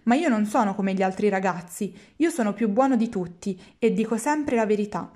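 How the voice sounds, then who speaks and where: A woman's voice: mid-range voice, lively intonation, fairly quick, darkish tone, lightly acted. A woman voicing a whiny, hungry wooden puppet boy who pleads and complains. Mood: pleading sobbing. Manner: whining, petulant pleading.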